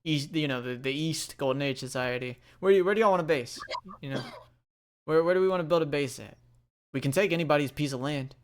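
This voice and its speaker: Brief: a man doing a boastful team captain in a tabletop game, smooth voice, a touch higher and louder. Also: fairly even intonation, a little fast, few pauses, close to an everyday voice. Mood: offhand.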